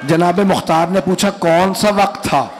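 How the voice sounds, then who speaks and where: Male orator, high voice, slow mourning recitation, faint room ambience behind. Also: slight background noise. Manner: emotional, addresses audience directly, rises to cries. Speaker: majlis orator.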